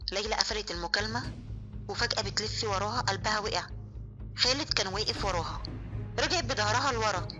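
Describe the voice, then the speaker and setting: A woman's voice: medium pitch, quick pace, pushed and bright, rough recording. A woman with an Egyptian accent narrating a horror story in a suspenseful, vivid way. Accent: Egyptian Arabic. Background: faint music.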